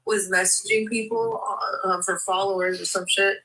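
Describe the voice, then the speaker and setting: A woman's voice: fairly low pitch, little pitch movement, moderate pace, a crowd in the background, rough recording. A woman in her thirties in casual chat, blunt and swearing freely.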